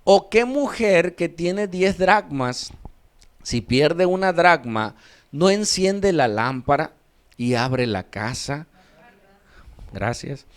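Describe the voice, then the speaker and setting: A male pastor teaches how to build a sermon, walking listeners through scripture line by line. His voice sits fairly high for a man and he speaks slowly, often throwing out a question and answering it himself. He reads the scripture passages with raised emphasis. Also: lively intonation. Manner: asks the audience questions and answers them himself.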